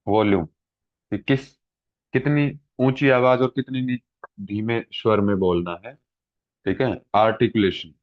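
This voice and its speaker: A man's voice: on the low side, no echo. A middle-aged man teaching an exam-prep lecture, explaining step by step and often checking in with his students. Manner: explanatory, mixes English terms, frequent "ठीक है" check-ins. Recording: tinny phone-like dry sound.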